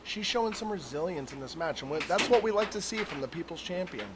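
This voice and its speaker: A man's voice: sits high, animated, quick pace, a crowd in the background. A man giving casual, joking live sports commentary with tongue-in-cheek banter. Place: indoor venue during a live match. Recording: noisy room, clicks and door sounds.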